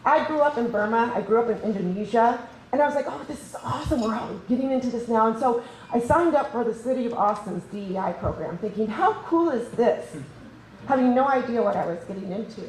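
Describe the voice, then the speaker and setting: A woman's voice: on the high side, lively intonation, brisk, a little mellow, slight background noise. Enthusiastic woman welcoming a summit audience. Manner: enthusiastic, chatty, laughs often. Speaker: conference host. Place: large conference room. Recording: echoey event room, faint ambience.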